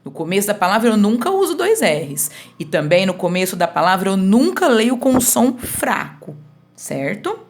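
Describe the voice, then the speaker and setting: A woman teacher giving a remote school lesson, explaining slowly step by step and often checking that her students follow. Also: mid-range voice, sing-song. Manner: slow, explains step by step with frequent checks for understanding.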